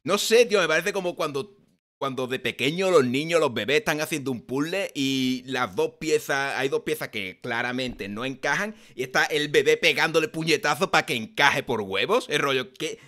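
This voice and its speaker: Bright-voiced Spanish streamer. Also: male voice, fairly high pitch, normal speed. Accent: Spanish (Spain). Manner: blunt, exasperated rambling with restarts. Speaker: streamer reacting to a comedy show. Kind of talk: casual live-stream commentary.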